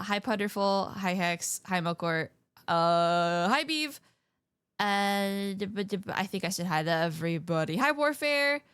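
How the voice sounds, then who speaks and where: A woman's voice: mid-range voice, a bit bright, smooth, no room sound. A woman livestreamer chatting casually with her viewers in a playful, slangy gamer manner, scattered and often interrupting herself. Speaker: livestreamer hosting an art stream.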